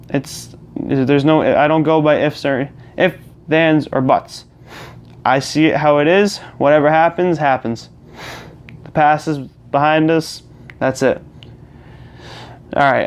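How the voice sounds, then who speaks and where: Young male channel host, slightly high voice, smooth and clear, rambling casual rant into his own mic. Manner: rambling, restarts and repeats himself. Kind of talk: casual ranting monologue. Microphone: personal mic.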